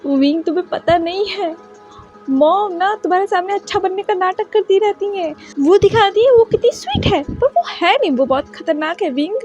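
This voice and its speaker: A woman's voice: very high-pitched, expressive, moderate pace, darkish tone, highs cut off, soft background music. A woman voicing a sly young sister who mutters and grumbles. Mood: grumbling.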